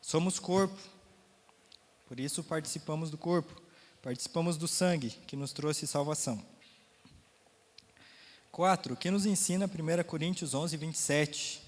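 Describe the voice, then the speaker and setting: Brazilian guy leading sunday school, kinda high voice, bit of a sore throat, long church-hall echo. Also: moderate pace, long pauses. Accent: Brazilian Portuguese. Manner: conversational, quizzes the class. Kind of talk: Bible class lesson with questions to the class.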